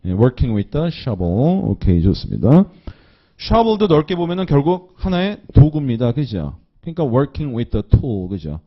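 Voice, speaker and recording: A man teaching an English listening class, slowly repeating phrases and checking in with students after nearly every line. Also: mid-range voice, very animated. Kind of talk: recorded online lecture. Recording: dull lo-fi lecture recording.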